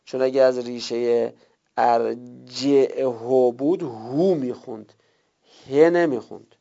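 A man teaching a class step by step, drawing out key terms slowly and checking his students' notes, heard on a dull lo-fi recording. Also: mid-range voice, vocal fry, mellow. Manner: slow drawn-out repetition of terms. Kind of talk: classroom lesson on Arabic word roots.

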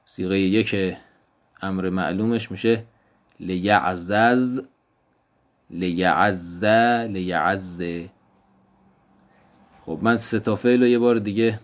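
A man teaching an Arabic grammar lesson, explaining step by step and repeating each example word slowly. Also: lowish voice, level tone. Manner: slow, deliberate explanation, repeating example words.

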